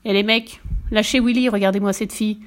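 A woman voicing a tough, mocking boy who leads a gang, loud and jeering, in a storybook reading. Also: medium pitch, steady tone, a little fast, close to an everyday voice.

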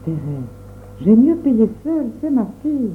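A woman's voice: high-pitched, sing-song, normal speed, reverberant. A woman reading aloud voices a proud, stubborn young girl who insists on paying. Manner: stubborn, possessive. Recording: tinny phone-like sound.

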